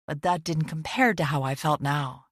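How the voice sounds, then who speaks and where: A woman reading a first-person audiobook narration in a measured, introspective way. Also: deep voice, no echo, clean studio sound.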